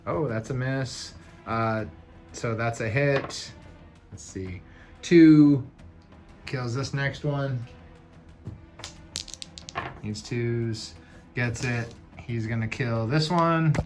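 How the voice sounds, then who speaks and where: A man's voice: mid-range voice, drawn-out words, long pauses, over music. A man playing a solo tabletop dungeon game, reading cards aloud, counting moves and dice, and thinking aloud about the rules. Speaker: game master.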